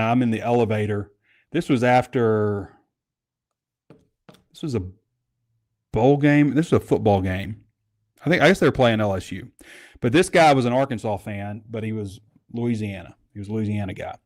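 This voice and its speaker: A man's voice: mid-range voice, normal speed, pauses often, darkish tone. A man hosting a casual sports podcast, talking in a rambling, conversational way. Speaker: podcast host.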